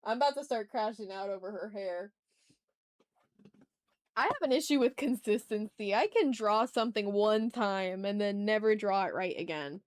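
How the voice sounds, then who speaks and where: A woman with a medium-pitched, darkish voice talks at normal speed while drawing on a casual art livestream. She thinks aloud as she works and chats with viewers in an informal, slangy, effusive way.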